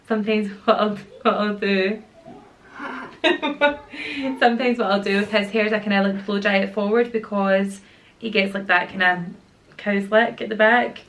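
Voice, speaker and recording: A Glaswegian woman in her thirties, a YouTuber and mum, chats through a casual Q&A at home with children nearby, rambling happily and slipping into slang. Her ordinary middle-pitched voice is a little rough from a sore throat, fairly even in intonation, a bit bright, at normal speed. There's a little hiss or hum in the recording.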